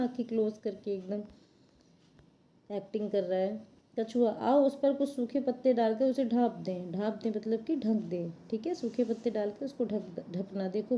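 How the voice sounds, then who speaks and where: A woman's voice: mid-range voice, dark tone, muffled recording. A woman teacher reading a storybook chapter to children and patiently explaining what its words mean. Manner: patient, explains word meanings simply.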